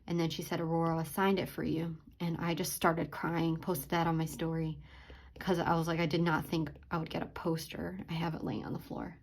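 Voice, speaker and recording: Soft-spoken young woman, hesitant storytime. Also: low-pitched, little pitch movement, moderate pace, vocal fry. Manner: soft, hesitant, many fillers and restarts. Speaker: art vlogger. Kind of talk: casual storytime while drawing. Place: at home drawing.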